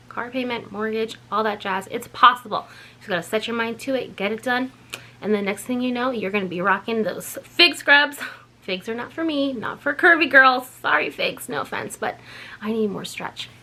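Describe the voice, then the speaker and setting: A woman in her thirties talks casually to her vlog viewers about her work as a labor and delivery nurse. Her voice is bright and sits a little high for a woman. She rambles cheerfully, corrects herself often, and sounds tired after a night shift. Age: 30s. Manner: chatty, rambling, self-correcting.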